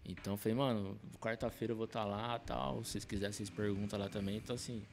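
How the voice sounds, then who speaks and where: A man, telling his story as a podcast guest in a relaxed, slangy way, recorded on a desk mic in a small studio. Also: on the low side, fast, vocal fry, a little hiss or hum. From Campinas, Brazil. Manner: relaxed slangy storytelling, many fillers and self-corrections. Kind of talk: casual storytelling interview. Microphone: desk mic on stand.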